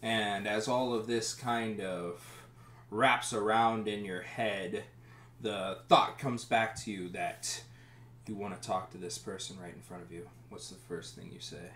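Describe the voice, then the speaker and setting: A young man narrating a tabletop game as game master, in slow, descriptive narration. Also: on the low side, steady tone, fairly bright tone, echoey room.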